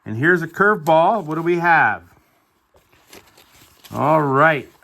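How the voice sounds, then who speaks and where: A middle-aged man with a bright, forward voice talks through his finds in a relaxed show-and-tell style. He sounds upbeat and enthusiastic, tossing in chatty asides as he goes. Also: on the high side, slow, vocal fry. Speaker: card collector vlogger. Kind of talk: casual show-and-tell narration.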